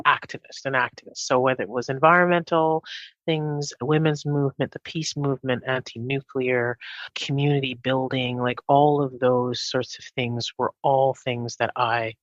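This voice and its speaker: A middle-aged woman from Jamaica, raised in Canada. She is a guest in an interview and talks in a chatty, animated way, with quick restarts. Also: extremely low pitch, no echo. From Jamaica, raised in Winnipeg, Canada. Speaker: guest, executive director of a health clinic. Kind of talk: casual interview talk. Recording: dull, muffled sound.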